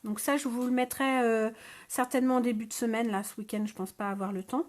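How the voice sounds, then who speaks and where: A woman's voice: a little high, fairly even intonation, fairly quick, a little mellow. A woman hosting a scrapbooking live stream, chatting casually with viewers with many hesitations and fillers, speaking French. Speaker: scrapbooking channel host. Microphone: phone.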